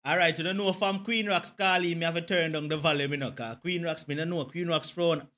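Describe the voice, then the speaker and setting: Jamaican guy hosting a call-in, laid-back patois banter, pretty high voice for a man. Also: fairly even intonation, fast talker, bright, forceful tone. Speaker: podcast host taking calls.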